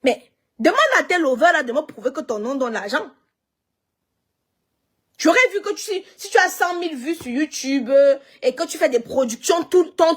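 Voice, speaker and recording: A high-pitched woman rants on her live stream. She is animated and confrontational, circling back to the same complaint over and over. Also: breathy edge.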